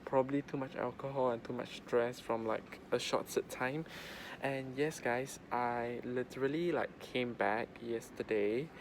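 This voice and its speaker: Man chatting casually amid clear background noise. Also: mid-range voice, steady tone, measured pace, poor audio. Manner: rambling, informal, frequent 'like' filler. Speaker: travel vlogger. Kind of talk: casual travel vlog chat. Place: airport boarding gate seating.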